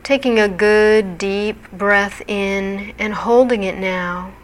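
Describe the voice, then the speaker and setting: A woman leads a guided hypnosis session as a hypnotherapist would. Her delivery is very slow and deliberate, with a soothing, measured manner. Her voice sits at an average pitch for a woman. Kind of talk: guided hypnosis relaxation narration.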